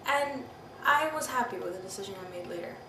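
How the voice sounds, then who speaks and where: A Pakistani woman in her twenties gives a candid, reflective interview about her personal memories, often saying "you know" and "I mean." Her voice is a little high and animated, and she speaks quickly. The recording sounds roomy, with a distant mic and background noise.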